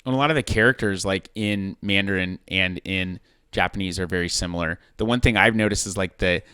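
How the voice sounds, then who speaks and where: A man's voice: low-pitched, a little fast, pushed and bright, clean tone, no echo, studio quality. A man hosting a podcast, chatting casually with his guest and laughing easily. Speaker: podcast host. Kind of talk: casual interview chat.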